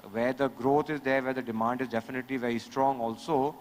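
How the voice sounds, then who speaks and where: A man, answering a panel question in a measured, explanatory way on a conference stage. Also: medium pitch, fairly even intonation. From India. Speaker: industry panelist. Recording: reverberant conference hall.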